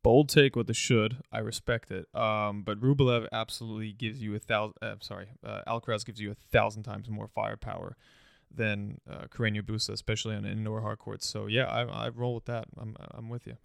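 A young man with a gravelly voice co-hosts a podcast in a dry, close-miked sound. He jokes easily and stays laid-back, dropping plenty of "um"s. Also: on the low side, flat delivery, a little fast, no echo. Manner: laid-back, joking, many "um"s. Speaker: podcast co-host. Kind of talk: casual podcast chat.

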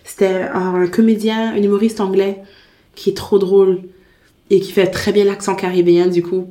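A woman's voice: mid-range voice, level tone, moderate pace, mellow, echoey room. A woman chatting casually and enthusiastically, stumbling and restarting often. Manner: enthusiastic, frequent restarts and stammers. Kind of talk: casual chat.

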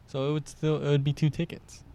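A man's voice: on the high side, completely flat delivery, warm tone. A young man co-hosting a podcast in casual chat. He swears freely, tells stories and laughs often. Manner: loose and profane, quick to laugh and joke. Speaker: podcast co-host.

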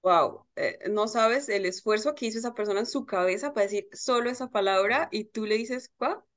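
A woman guest in a casual podcast conversation, lively and acting out little exchanges as she tells them. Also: medium pitch, a little fast.

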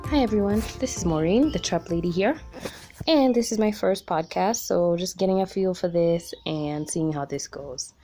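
A woman from Kenya talks casually on her own podcast in an American accent. Her voice sits slightly on the low side. She is informal and conversational, sharing thoughts in a loose, unscripted way. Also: normal speed, dark tone, faint music behind. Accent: American, picked up in Ohio. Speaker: podcast host and small business owner. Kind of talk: casual solo podcast talk.

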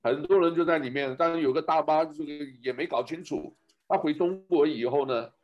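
A man's voice: fairly high pitch, brisk, lo-fi sound. A man giving a rambling casual commentary, speaking to his listeners and asking them one rhetorical question after another.

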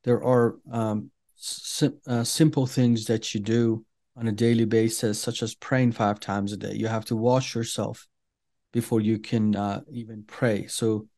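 A middle-aged Iranian man, native to Farsi, gives an earnest personal testimony as an interview guest, speaking deliberately with plenty of pauses and fillers. His delivery is flat, his pitch fairly low, and his tone dark.

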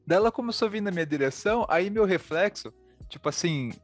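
Lively fast-talking Brazilian man. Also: high voice, faint music behind. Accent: Brazilian Portuguese. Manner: animated, quick storytelling full of fillers. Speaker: podcast host. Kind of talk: casual storytelling chat.

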